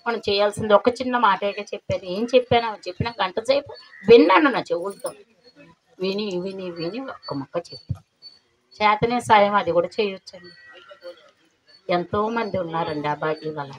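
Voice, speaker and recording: A woman's voice: mid-range voice, normal speed. A middle-aged woman giving a spiritual meditation class in an earnest, preaching way, full of rhetorical questions. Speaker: meditation teacher. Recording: dull lo-fi recording, faint noise.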